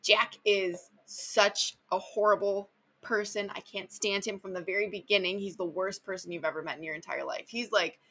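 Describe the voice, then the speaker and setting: A woman's voice: medium pitch, fairly even intonation, normal speed, pushed and bright, husky. A woman hosting a casual book chat, enthusiastic and chatty, full of filler words. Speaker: podcast host.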